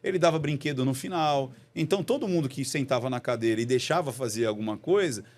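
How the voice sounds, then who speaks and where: Fast-talking animated Brazilian man. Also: mid-range voice. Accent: Brazilian Portuguese. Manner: animated storyteller, acts out voices and intonations. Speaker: podcast guest, behavioral analyst. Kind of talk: casual podcast chat.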